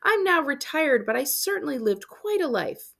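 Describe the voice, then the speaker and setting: Playing an eccentric storybook aunt, a warm retired world adventurer, a woman uses a full character voice that is high and creaky-edged. She speaks at normal speed, very animated, effusive and grandly theatrical, with a generous, fond mood.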